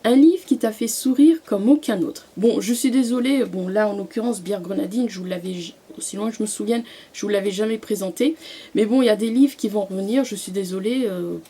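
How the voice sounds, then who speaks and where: A woman's voice: medium pitch, a little fast, mellow, breathy edge. Hesitant woman reviewing books. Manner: hesitant, many fillers and restarts. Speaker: book vlogger. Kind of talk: casual book review vlog.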